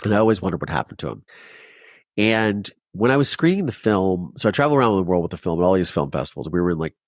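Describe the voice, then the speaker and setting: Guy from ohio telling his story on a podcast, low deep voice, dry close sound, heartfelt and rambling. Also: sing-song, fast, no room sound. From Ohio, United States. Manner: heartfelt, tearful at moments, rambling with many restarts. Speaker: podcast guest, documentary filmmaker. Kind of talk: emotional personal storytelling.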